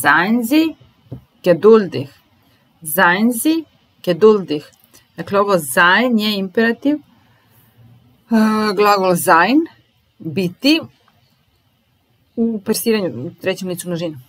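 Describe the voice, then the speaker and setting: A woman teaching a language lesson, slowly repeating each phrase and then explaining it. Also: mid-range voice, lively intonation, low-quality recording. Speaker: German teacher.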